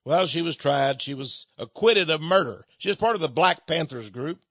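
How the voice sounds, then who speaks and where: A radio talk show host with a slightly high, fairly bright voice speaks at normal speed, animated, on a dry, dull-sounding recording. He delivers a rambling, sarcastic, mocking monologue straight to his listeners, calling them folks.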